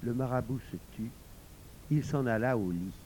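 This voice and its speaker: A man narrating a folk tale in a measured, expressive storytelling voice. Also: medium pitch, slight background noise, rough recording.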